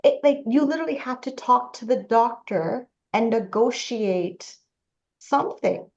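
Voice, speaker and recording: A woman's voice: fairly high pitch, animated, measured pace, a little mellow. Woman in her thirties, muffled audio. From Canada. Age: 30s. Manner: rambling, matter-of-fact storytelling. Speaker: panelist. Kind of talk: casual panel discussion.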